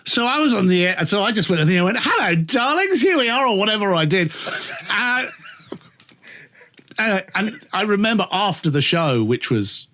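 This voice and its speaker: High-pitched, brisk and very animated, with a pushed, bright sound, this British man of middle age or older trades anecdotes as a radio presenter and interview guest. He is camp and theatrical, performing each line of dialogue in his stories.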